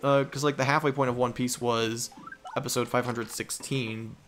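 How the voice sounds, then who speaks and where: Backed by video game music and a bit of background noise, a young adult let's play host speaks at a moderate pace. His medium-pitched voice stays steady as he rambles casually through his gameplay.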